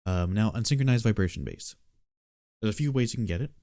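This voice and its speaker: A man with a lowish, gravelly voice talks through a casual beatbox tutorial. His delivery is relaxed and matter-of-fact, like someone explaining a technique to friends. The sound is close and dry. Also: fast, no room sound.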